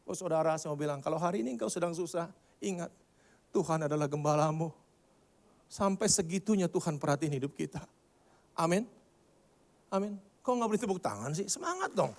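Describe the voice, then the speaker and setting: A man's voice: on the high side, animated, fairly quick, vocal fry, pauses often. A male pastor preaching a sermon at a church service, telling stories in a conversational way and putting questions and jokes to the congregation.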